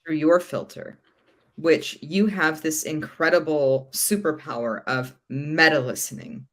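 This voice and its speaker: A woman's voice: deep voice, unhurried. A woman hosting a podcast, asking curious questions and reflecting frankly in casual chat. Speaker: podcast host.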